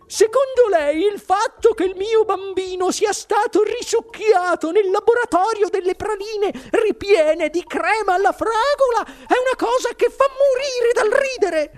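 A man's voice: very high voice, lively intonation, slow, few pauses, voice pushed up, exaggerated voice. A male reader voicing a frantic, shrieking mother in an audiobook, drawing out her wails. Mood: furious. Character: shrill hysterical plump mother, middle-aged woman. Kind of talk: audiobook character voice.

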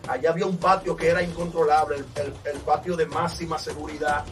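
A man, a pastor, giving an impassioned testimony that swings from loud exclamations to hushed storytelling. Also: a little high, flat delivery, quick pace, distant mic, slight background noise. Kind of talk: fervent preaching testimony.

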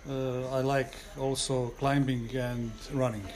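A man from Croatia with a Croatian accent, answering interview questions in halting, hesitant English. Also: mid-range voice, little pitch movement, a little mellow. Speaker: guest cyclist.

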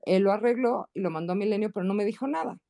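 A woman with a Mexican accent, a guest and columnist, telling anecdotes in a casual podcast chat, lively and often jumping into high quoted voices. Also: rapid-fire, vocal fry.

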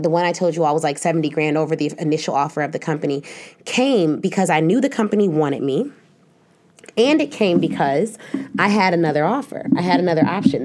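A woman's voice: deep voice, a little mellow. A woman career coach hosting her own show, giving casual, emphatic advice and peppering her talk with "like" and asides.

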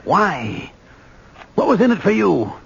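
An actor playing a vengeful man in a radio mystery, taunting his betrayer with deliberate menace. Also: sits high, sing-song, vocal fry, fairly bright tone, slightly rough, full character voice. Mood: threatening. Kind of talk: radio mystery drama acting. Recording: dull old radio broadcast.

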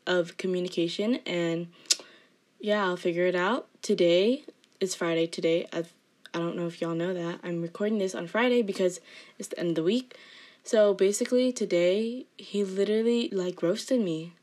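A teenage girl talks through her day in a loose, chatty vlog. Her delivery is mostly even and a little monotone, and she strings thoughts together with constant fillers. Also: lowish voice, moderate pace. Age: teens. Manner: rambling, filler-heavy talk with frequent "like"; self-described monotone delivery. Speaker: student vlogger. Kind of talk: casual vlog chat.

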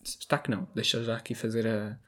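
Fast-talking young Portuguese man, rambling. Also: on the low side, steady tone, fairly bright tone. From northern Portugal. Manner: rambling, self-correcting, laughs often. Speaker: podcast co-host. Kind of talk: casual podcast chat.

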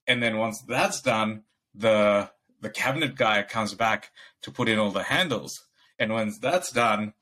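Chatty man with a bright tone. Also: lowish voice. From Bangladesh. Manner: rambling, laughs often, acts out quoted dialogue. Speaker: podcast co-host. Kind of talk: casual chat.

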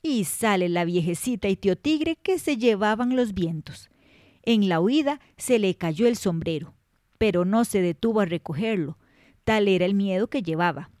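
Mellow woman narrating children's stories. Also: medium pitch, expressive, normal speed, no room sound, studio quality. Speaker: storyteller host.

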